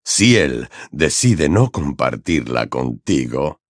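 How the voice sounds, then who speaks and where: A man's voice: very animated, dry recording, clean studio sound, exaggerated voice. A man doing a cold, calculating man. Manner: slow, low and measured. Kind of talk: audiobook character voice.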